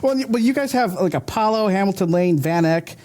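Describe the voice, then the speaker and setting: A man's voice: high voice, lively intonation, brisk, darkish tone. A man hosting a podcast interview, asking questions in a casual way with many fillers. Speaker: podcast host.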